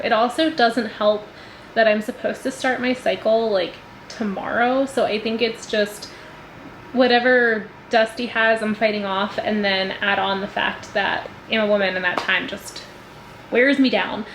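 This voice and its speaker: A woman in her thirties chatting casually to camera for her vlog, rambling with lots of filler words and sounding stuffy from a cold. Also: mid-range voice. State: congested from a cold. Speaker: vlogger. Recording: echoey room with loud background noise.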